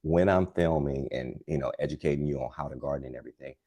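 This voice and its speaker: During a live gardening demonstration, a channel host speaks with an extremely low, dark and mellow voice. His pace is unhurried, his manner calm and soothing, and he rambles in a casual, chatty way packed with filler words.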